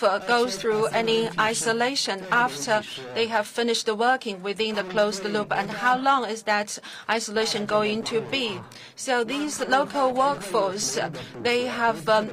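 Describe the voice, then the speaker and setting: A woman interprets live at a press conference in halting phrases. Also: on the high side. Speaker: simultaneous interpreter.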